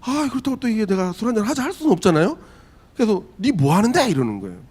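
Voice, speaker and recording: Male pastor in his forties, animated sermon storytelling, slightly high voice, very lively pitch. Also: very fast. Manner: animated, acts out quotes with big pitch jumps. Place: church.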